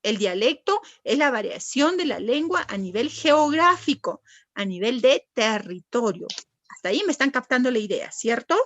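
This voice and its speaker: A woman's voice: a little high, sing-song, moderate pace, fairly bright tone, no echo. A woman teacher, giving a classroom lecture and patiently asking the class questions and answering them herself.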